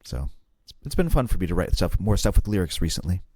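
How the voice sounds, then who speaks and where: Low-pitched guy chatting on a podcast, kinda self-deprecating, dead dry mic. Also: big pitch swings, quick pace, dark tone, no room sound. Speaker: podcast co-host. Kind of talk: casual podcast chat.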